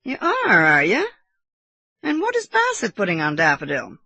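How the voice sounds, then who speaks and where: Hearty English gentleman uncle, played by a woman: jovial, teasing, exclamatory, very animated pitch, slightly husky, storybook narration. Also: moderate pace, highs cut off, exaggerated voice. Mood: amused, teasing.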